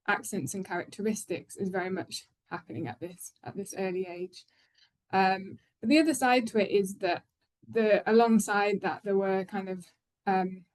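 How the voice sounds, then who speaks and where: A woman's voice: mid-range voice, rough recording. British woman, tentative academic explainer. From United Kingdom. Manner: explanatory, tentative, circling back to rephrase. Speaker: academic researcher on accents and child language. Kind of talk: spontaneous panel talk.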